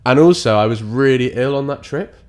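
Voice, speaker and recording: A young man co-hosting a casual podcast chat, telling lively anecdotes and laughing often. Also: medium pitch, a little fast. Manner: chatty anecdotes, laughs often, makes sound effects. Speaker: podcast co-host.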